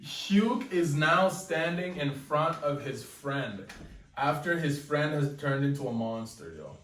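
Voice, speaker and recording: Excitable young man in an echoey room. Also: a little high, slow. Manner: excited, exclaims "yo" often. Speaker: webcomic reaction host. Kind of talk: live reading reaction. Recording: echoey room, mic at a distance, faint music.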